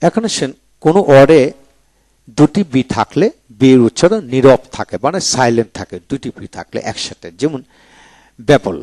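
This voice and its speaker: A man leads a slow pronunciation drill, spelling each word out letter by letter before repeating it twice. His voice sits at an ordinary middle pitch and is recorded close and dry, with no room sound. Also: sing-song, darkish tone, no echo. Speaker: English pronunciation teacher.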